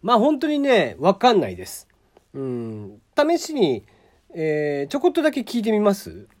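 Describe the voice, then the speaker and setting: A man from Kagoshima hosts a relaxed solo podcast and keeps it chatty and loose. His pitch rises and falls freely while he talks. He laughs often and leans on fillers. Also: normal speed. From Kagoshima, Japan. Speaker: podcast host. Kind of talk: casual solo podcast talk.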